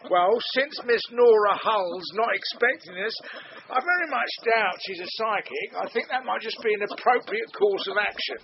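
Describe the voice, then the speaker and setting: A grouchy British chief inspector of detective radio drama, rude and lazy. His voice sits high for a man, and he grumbles everything with biting sarcasm. The recording is muffled, with clear noise around him. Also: animated, moderate pace. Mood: irritated, sarcastic. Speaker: actor.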